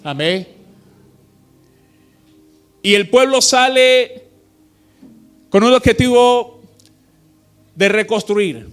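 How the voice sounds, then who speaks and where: A male pastor with a high, smooth and resonant voice preaches at an unhurried pace. He reads scripture slowly and emphatically and keeps asking the congregation questions. Faint music plays behind him. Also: fairly bright tone. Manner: quizzes the congregation with call-and-response questions; slow, emphatic reading with drawn-out phrases. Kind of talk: sermon with scripture reading.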